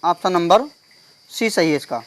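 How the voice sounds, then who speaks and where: A male teacher solving an exam paper step by step. He reads each question slowly and keeps checking in with the class. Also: sits high, expressive. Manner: explains step by step, reads questions slowly, repeats "theek hai". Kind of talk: exam paper walkthrough lesson.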